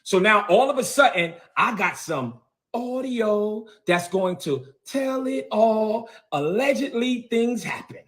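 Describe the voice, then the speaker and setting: A bishop livestreaming a confrontational rant in a high, lively voice that swings up and down. He hammers his points over and over and talks straight at the people he is calling out. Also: slow pace. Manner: confrontational, repetitive, heated. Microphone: phone or webcam on a livestream.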